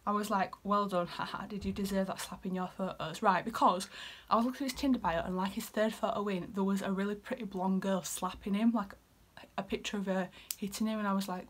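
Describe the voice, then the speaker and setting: A woman's voice: mid-range voice, a bit bright, slightly rough. Young woman, Yorkshire accent, chatty and giggly, casual vlog delivery with whispered asides. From Yorkshire, England. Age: 20s. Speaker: vlogger. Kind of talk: casual chat reading out messages.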